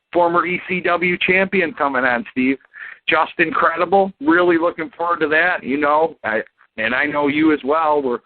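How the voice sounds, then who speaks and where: Rambling co-host on a phone line. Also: male voice, a little high. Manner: rambling, filler-heavy, folksy. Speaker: podcast co-host. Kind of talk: casual podcast chat. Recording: tinny phone-line audio.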